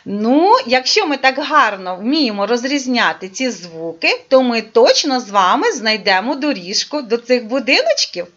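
A woman leads a speech therapy lesson for small children. Her voice sits a little high and swoops lively and sing-song as she draws out her words. The recording is dull and lo-fi. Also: normal speed, hardly any pauses. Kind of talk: online lesson for young children.

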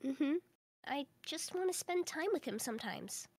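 Very high-pitched indignant little girl. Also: expressive, moderate pace, a little mellow, no echo. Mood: sulky. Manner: whiny, bossy, sulky. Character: indignant, stubborn little sister who wants adventures. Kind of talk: acted role in a Minecraft roleplay.

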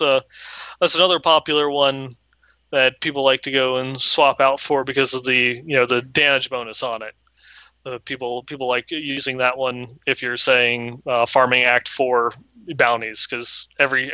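Bright-voiced man explaining game gear. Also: medium pitch, smooth, dry recording, muffled recording. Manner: explains game details at length, many restarts. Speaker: podcast co-host. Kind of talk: casual gaming chat.

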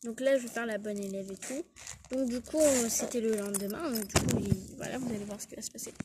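A woman's voice: a little high, fairly quick, background noise. A woman casually narrating a toy role-play story, hesitant with many fillers.

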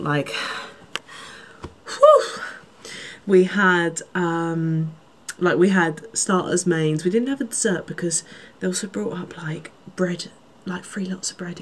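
A woman's voice: lowish voice, a little hiss or hum. Gushing young woman vlogging. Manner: gushing, chatty, lots of fillers. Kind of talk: casual travel vlog to camera. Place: holiday house room indoors.

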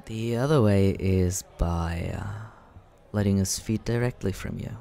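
An ASMR roleplay performer voices Scaramouche, a suave vampire with a deep, creaky sound. Speaking softly and unhurriedly to the listener, he stays relaxed and explanatory, smooth and teasing, his voice low, creaky, and gentle.

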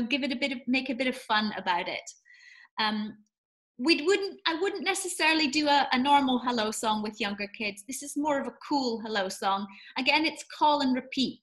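A woman's voice: sits high, fairly bright tone. A woman English teacher talking through children's songs and activities in a chatty, demonstrating way. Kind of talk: online teaching talk with sung rhymes.

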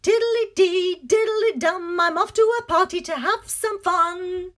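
A woman reading a picture book gives voice to a sweet, eager little cake hero who chirps his lines in a high, sing-song voice. His pitch leaps around with every excited word. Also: extremely slow, heavily acted. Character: polite cheerful male cake character.

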